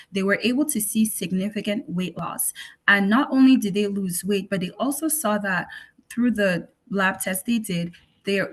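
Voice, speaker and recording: Woman physician presenting a health class. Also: medium pitch. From Cameroon. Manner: warm, measured and explanatory, with frequent ums and restarts. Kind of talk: presenting an online health session.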